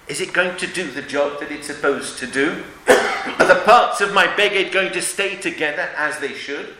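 A man's voice: on the high side, sharp tone. A man giving an emphatic religious lecture with stories and rhetorical questions, sprinkling in Hebrew and Yiddish terms. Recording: echoey room with background noise.

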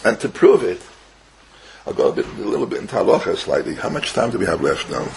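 A man's voice: lowish voice, sing-song, fast, gravelly, slight background noise. An older man giving an informal religious lecture as a rabbi, repeating phrases and answering his own questions. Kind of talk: informal religious lecture with stories and Hebrew quotes.

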